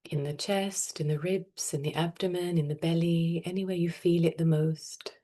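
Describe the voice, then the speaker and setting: Her voice low and mellow, a woman takes listeners through a guided meditation practice. She stays soft, calm and very even in pitch, taking her time with lengthy pauses between directions.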